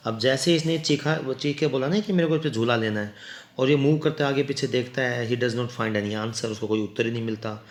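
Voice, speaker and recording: A man's voice: medium pitch, a little hiss or hum. Guy explaining an english lesson to students, spells words, echoey room. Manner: reads English lines slowly, then explains and spells words. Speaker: teacher. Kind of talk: explaining an English story in Hindi. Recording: roomy echo.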